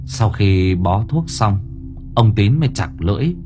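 A man's voice: lowish voice, lively intonation, a little slow, music in the background. A man narrating an audiobook story dramatically.

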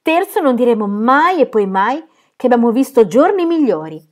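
A lively young sister with a blunt, exclaiming manner, pushed high and loud, as a woman reader voices her. Playful and outspoken in a spoken novel. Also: moderate pace. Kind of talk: audiobook reading.

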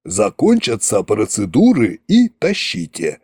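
A man voicing a stern, mocking old king with a gruff, commanding manner. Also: on the low side, wildly swooping pitch, a little slow, mellow, no echo, clean studio sound, voice pushed down, exaggerated voice.

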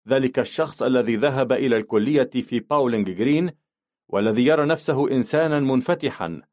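A man narrating a novel for an audiobook in a mid-pitched voice. His delivery is steady and measured. He shifts his tone slightly when quoting other characters.

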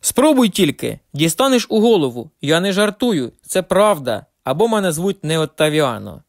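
A man's voice: on the high side, very animated, moderate pace, vocal fry, heavily acted. A man voicing a stubborn, cheerful old grandfather who talks back defiantly. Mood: teasing. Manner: defiant, teasing.

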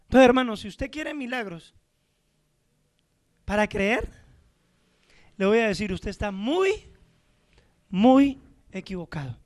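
A man's voice: high-pitched, very animated, slow, pauses often. A male pastor preaching a sermon, pressing his listeners with rhetorical questions and calling them brother.

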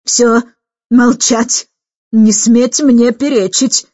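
Domineering older governess, loud and slow, barks every order, put on by a woman narrator. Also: mid-range voice, no room sound, highs cut off, lightly acted.

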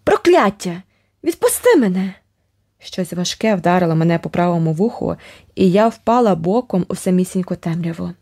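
A woman reads an audiobook aloud in the first person, in a mellow, somewhat low voice. Her delivery is expressive and dramatic and follows the tension of the story. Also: a little fast. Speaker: audiobook narrator.

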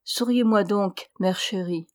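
A woman's voice: medium pitch, takes it slowly, a little mellow, no echo, close to an everyday voice. A devoted young son pleads earnestly with his mother, as a woman reads his lines in an audiobook. His voice is sincere and pressing. The recording is dry and close. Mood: gentle. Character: young man, devoted yet torn son. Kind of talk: audiobook reading.

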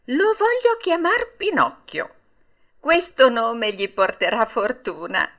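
A woman's voice: on the high side, big pitch swings, slow pace, a bit bright, pitched above the performer's own voice, exaggerated voice. A woman voicing a fretful old male woodcarver who scolds in a raised, exclaiming voice. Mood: musing.

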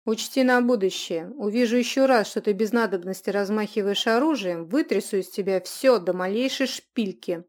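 A woman's voice: mid-range voice, normal speed, hardly any pauses, darkish tone, lightly acted. A commanding nobleman, voiced by a woman reading a story, cold and ironic. He gives curt orders with a dry edge. A storybook aristocrat.

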